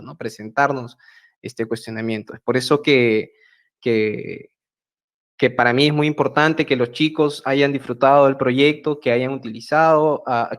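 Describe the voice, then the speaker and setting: A man with a Peruvian Spanish accent gives a prepared talk over a video call. He speaks in a measured way and fills his pauses with hesitant fillers. His voice sits at a middle pitch for a man. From Peru, central Andes. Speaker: speaker at an online project meeting. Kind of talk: prepared talk at a web meeting. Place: home, remote video call. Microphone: video call mic.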